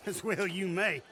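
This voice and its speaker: High-voiced, mocking condemned outlaw. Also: male voice. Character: defiant, mocking male outlaw facing the gallows. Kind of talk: dramatic video game acting. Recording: clear background noise.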